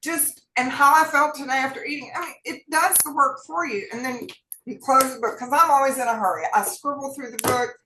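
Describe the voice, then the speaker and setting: A chatty woman shares tips and talks directly to her audience. Her voice sits a bit high. It is recorded in an echoey room with a faint hiss underneath. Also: a little fast, sharp tone. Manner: chatty and folksy, addressing viewers directly. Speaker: co-host sharing wellness tips. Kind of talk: casual chat.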